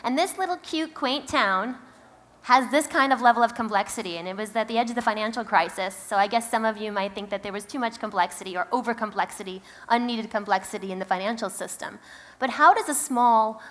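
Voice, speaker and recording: A woman's voice: a little high, sharp tone. A woman with a Queens, New York accent giving a conference keynote in an emphatic, conversational, wry manner. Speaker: company founder, keynote speaker.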